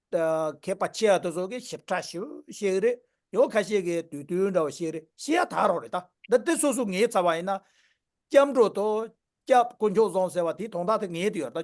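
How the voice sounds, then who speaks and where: Higher-pitched man teaching a Buddhist class. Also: darkish tone.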